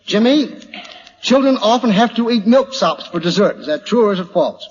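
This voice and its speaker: A man's voice: sits high, animated, normal speed, darkish tone. A man with an American accent hosting a 1940s radio quiz in a jovial, chatty manner. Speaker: quiz show host. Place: large hall at a live radio broadcast. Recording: dull old radio recording, hall reverb, hiss.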